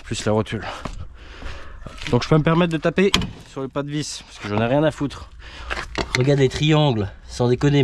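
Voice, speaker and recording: A man casually commenting in slangy, chatty talk to his viewers while he repairs a car in a workshop. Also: medium pitch. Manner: slangy, chatty, talks to viewers mid-task. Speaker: amateur mechanic vlogger. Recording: noisy workshop with tool clicks.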